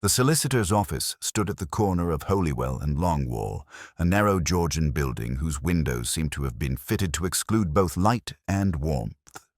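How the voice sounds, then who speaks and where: Very deep, brooding Inspector Morse played by a man. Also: very animated, no echo, studio quality, full character voice. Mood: brooding, reflective. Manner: measured, brooding, formal. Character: melancholy, cerebral English police inspector recounting a murder case. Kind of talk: literary first-person detective narration.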